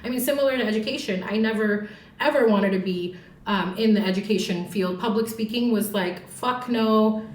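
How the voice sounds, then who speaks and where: A woman's voice: medium pitch, normal speed, roomy sound. A woman in her forties from Southern California, a hairstylist talking candidly and casually, with laughs and swearing, as a podcast guest. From Orange County, California.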